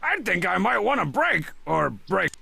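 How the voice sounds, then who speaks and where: Gravelly, high-strung cartoon tough guy. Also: very animated, normal speed, noisy background, exaggerated voice. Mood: grumbling. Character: cocky, scheming, exasperated small male cartoon tough guy. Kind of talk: cartoon video game voice acting.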